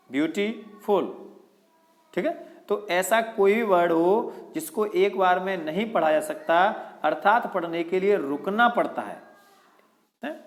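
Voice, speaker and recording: Male teacher, slightly high voice. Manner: explains step by step, asking and answering his own questions. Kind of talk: grammar lesson.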